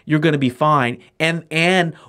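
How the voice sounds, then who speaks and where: A man's voice: a little high, a little slow, bright, forceful tone. Earnest man giving advice. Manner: earnest advice-giver with a touch of humor. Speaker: podcast co-host. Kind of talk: casual advice chat.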